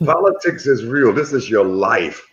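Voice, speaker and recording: A man's voice: medium pitch, sing-song, a little slow, fairly bright tone, dull audio. A man hosting an interview, asking questions in a rambling, restarting way. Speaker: interview host.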